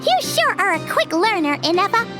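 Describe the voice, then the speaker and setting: A woman gives voice to a tiny, chatty female companion sprite who refers to herself in the third person, in cheerful video game dialogue with music playing underneath. Her voice is very high and very animated, at a moderate pace.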